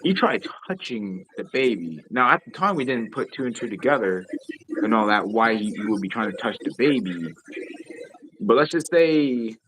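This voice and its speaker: A man with a low-pitched voice chats loosely on a live stream. His talk is rambling and profane, full of filler phrases. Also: animated, moderate pace, noisy background. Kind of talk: casual chat on a live stream.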